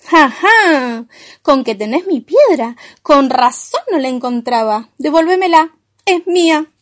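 A woman voicing a little boy who sobs and wails in a high, tearful voice, with an Argentine accent. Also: lively intonation, measured pace. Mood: angry. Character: little boy who sobs over his lost stone.

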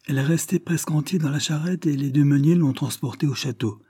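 A man's voice: on the high side, a little fast, dark tone, husky, no room sound, clean studio sound, voice pushed up. A man voicing a sly, ragged young boy who pleads and wheedles. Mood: pleading.

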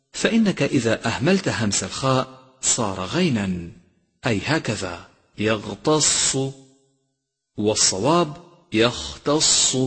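A man's voice: medium pitch, slightly rough. Man teaching recitation in a reverberant hall. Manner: slow, deliberate demonstration of pronunciation. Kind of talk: instructional lesson with recited examples.

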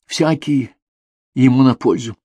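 A man's voice: mid-range voice, measured pace, dark tone, breathy edge, no echo, pitched above the performer's own voice. A man voicing a tearful, affectionate older sister, raising his voice and speaking in a lilting, heartfelt, homely way. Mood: confiding.

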